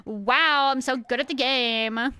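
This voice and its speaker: A woman's voice: high voice, steady tone, takes it slowly, sharp tone, clear, resonant tone, no room sound. A woman streamer in her thirties chatting casually on a livestream, hamming up a playful valley girl manner with mock slang and self-mocking jokes. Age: 30s.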